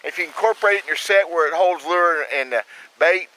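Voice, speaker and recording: Outdoors in the cold countryside, a man with a Southern US accent hosts a trapping channel, offering plain-spoken, folksy how-to advice in casual talk. His voice is on the high side, brisk, bright, and forceful, and the audio is poor.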